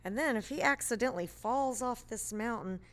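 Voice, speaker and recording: A woman's voice: fairly high pitch, moderate pace, fairly bright tone. A woman math teacher narrating a screencast lesson, explaining step by step in a patient way with playful memory tricks.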